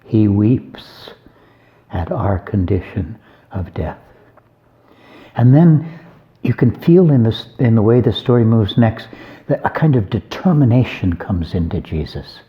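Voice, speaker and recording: Low-voiced man giving a chatty homily. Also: very animated, unhurried, pauses often, dull audio. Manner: conversational, with folksy asides and joking. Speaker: abbot. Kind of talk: informal homily retelling a Gospel reading.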